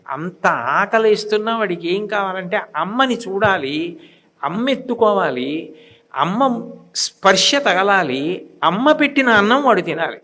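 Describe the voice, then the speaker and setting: A man's voice: high-pitched, a bit bright. An older man giving a devotional discourse, chanting verses and acting out quoted voices as he explains. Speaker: religious discourse speaker. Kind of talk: devotional sermon.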